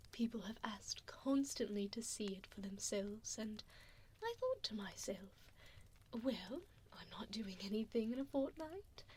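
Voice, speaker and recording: In an ASMR roleplay recorded on a close binaural microphone, a woman plays a cruel, haughty vampire hostess. Her fairly high-pitched voice drops into breathy whispers and soft speech, full of condescending, formal diction. There's a little hiss or hum.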